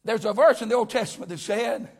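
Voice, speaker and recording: A man preaching a sermon with a hollering preaching cadence and a gravelly voice. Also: high voice, quick pace.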